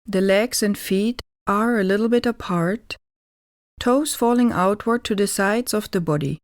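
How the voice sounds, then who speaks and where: A yoga teacher guides a relaxation meditation, calm and deliberate, offering gentle instructions separated by pauses. Her voice is mid-range and there is no echo.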